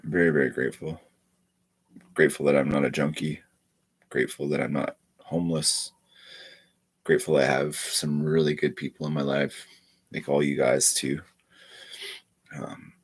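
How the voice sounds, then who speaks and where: A man's voice: very deep voice, steady tone, moderate pace, pauses often, slightly rough. A man with a stuffy nose chatting casually on a live stream, rambling and repeating his words.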